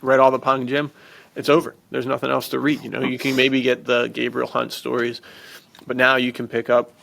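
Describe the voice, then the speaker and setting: This man co-hosts a podcast about fiction and is also a fiction author, chatting casually and enthusiastically in slangy, informal speech full of "dude" and "like." His mid-range, gravelly voice has a fairly bright tone and moves fairly quickly, yet the delivery is completely flat despite his emphatic manner.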